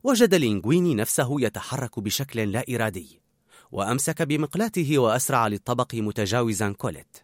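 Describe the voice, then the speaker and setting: A man narrating a children's story aloud in an animated, expressive way. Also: mid-range voice, dry recording, studio quality.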